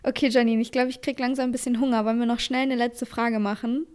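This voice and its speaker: A woman's voice: on the high side, little pitch movement, fast, a little mellow, smooth. A young woman co-hosting a podcast in casual chat, talking eagerly and gushingly, dropping in casual English words. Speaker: podcast co-host.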